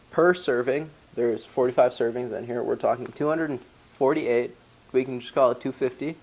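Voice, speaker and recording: In poor audio, a young man with a mid-range, slightly mellow voice gives a casual walkthrough of his gym bag gear. A congested powerlifting vlogger from Wisconsin who is partly losing his voice, he chats away about the ingredient details.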